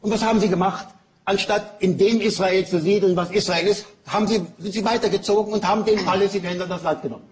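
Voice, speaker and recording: Older man, emphatic, explanatory, high voice, TV studio. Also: steady tone, fast talker. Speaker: panel guest. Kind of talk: talk show debate.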